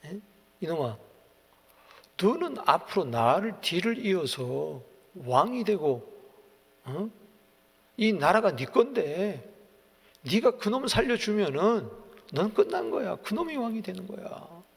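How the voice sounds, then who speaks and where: A man's voice: high voice, very animated, takes it slowly, creaky, long pauses, husky, pitched above the performer's own voice, full character voice. A male pastor acting out a furious old king who scolds his son. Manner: shouting, scolding. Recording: long church reverb.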